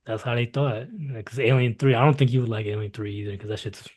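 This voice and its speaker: A man reviewing movies in casual chat, loose and profane, often trailing off into quiet asides. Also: medium pitch, fairly even intonation, fast.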